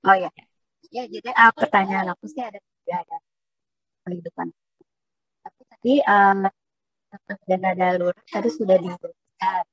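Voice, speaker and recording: A woman's voice: medium pitch, fairly even intonation, normal speed, long pauses, fairly bright tone, husky, dry recording, highs cut off. A woman calling in over a video call, hesitant, repeating hellos as her audio keeps breaking up. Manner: hesitant, repeats hellos while the connection drops. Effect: choppy audio breaking up over a video call. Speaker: caller asking a question. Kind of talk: casual question on a webinar.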